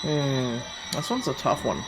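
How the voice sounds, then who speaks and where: A man plays through a visual novel, reading the narration aloud dramatically and expressively while tossing in casual, sweary comments. His mid-range voice swings widely in pitch at a measured pace. The low-quality recording has game music playing behind him.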